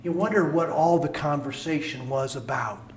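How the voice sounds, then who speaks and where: A male pastor preaching a sermon, animated and swinging between loud calls and hushed asides, recorded in a church sanctuary. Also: fairly high pitch, moderate pace, a little hiss or hum. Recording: echoey room, mic at a distance.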